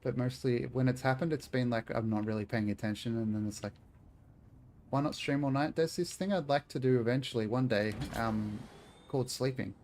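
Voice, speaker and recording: A man's voice: medium pitch, fairly quick, a little mellow, a little hiss or hum. A man chatting casually to his viewers while playing a video game, joking and talking to chat. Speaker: streamer. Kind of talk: casual gaming stream chat.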